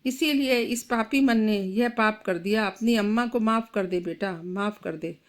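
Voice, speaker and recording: A woman's voice: medium pitch, measured pace, lightly acted. A woman voicing a remorseful old grandmother in a storybook who is obsessed with having a grandson. She speaks in a rustic, pleading way. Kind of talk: storybook character voice.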